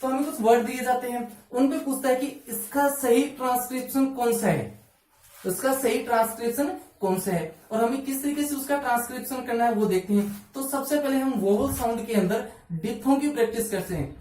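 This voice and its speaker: A woman with a fairly high, mellow voice teaches a phonetics lesson for exam prep. She keeps asking questions and answering them herself. She is heard from some distance in an echoey room. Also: fairly quick. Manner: drills with repeated questions and answers.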